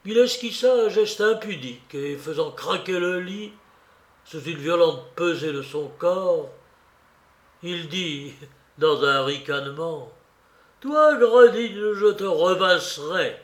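A man reading a literary novel aloud in a measured, expressive way. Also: fairly high pitch. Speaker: audiobook narrator.

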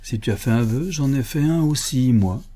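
A proud, fearless gamekeeper from an old storybook, read by a man. The voice is dark and husky, with a firm, boastful reassurance. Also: medium pitch, animated, normal speed, lightly acted.

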